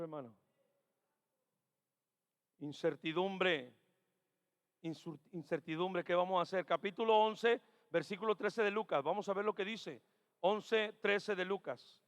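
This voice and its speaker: A man preaching a Pentecostal sermon as pastor, dropping to quiet murmurs, then rising to shouted exhortations, and repeating key phrases. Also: sits high. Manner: acts out doubting churchgoers' questions. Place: church sanctuary. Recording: reverberant church hall.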